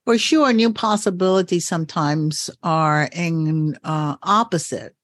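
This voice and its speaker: A woman's voice: low voice, a little slow, no room sound, clean studio sound. A woman hosting a podcast as a coach, talking thoughtfully and encouragingly with frequent laughs. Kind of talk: reflective podcast conversation.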